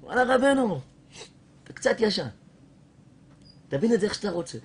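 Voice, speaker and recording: A man voicing a laid-back, stoned male drug dealer who talks in mellow street slang. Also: sits high, big pitch swings, a little hiss or hum, voice pushed down.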